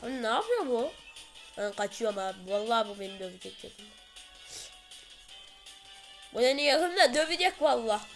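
A high-pitched woman gives lively gameplay commentary. She is excitable and chatty, throws out sudden exclamations, and keeps addressing her viewers. Soft music plays faintly underneath. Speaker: gaming channel host.

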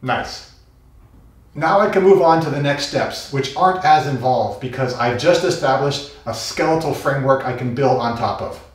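A man talks through his taiko solo, thinking aloud and sounding out the drum patterns with his voice. He is heard from a distance in a very reverberant room. His pitch sits in the middle range. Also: moderate pace. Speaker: taiko teacher. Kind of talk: instructional talk. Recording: very echoey room, mic far off.

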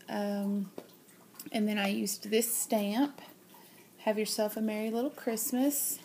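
A craft vlogger with a cold sits at a table at home, casually showing off handmade cards in a nasal, medium-pitched, slightly mellow voice. She hesitates often with ums in this relaxed show-and-tell, and a little hiss or hum sits in the audio.

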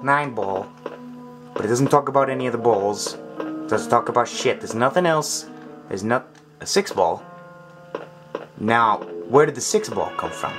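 Lively, cursing gamer man. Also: medium pitch. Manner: frustrated, swearing, talking to himself. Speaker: gaming channel host. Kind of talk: let's play commentary.

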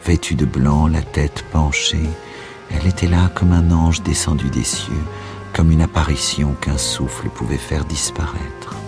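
A man giving a measured, expressive literary reading for a radio broadcast. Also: very deep voice, vocal fry, over music. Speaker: reader.

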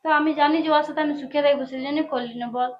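A woman's voice: high-pitched, steady tone, very fast, lo-fi sound, close to an everyday voice. A woman with a Manbhum Bengali accent playing a young wife who indignantly defends her husband and pleads with him. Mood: confiding. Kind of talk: amateur village comedy drama.

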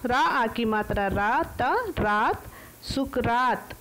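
An Indian woman teaching an online class for small children, sounding out words one syllable at a time in a slow phonics drill. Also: a little high, animated, a bit bright, slight background noise.

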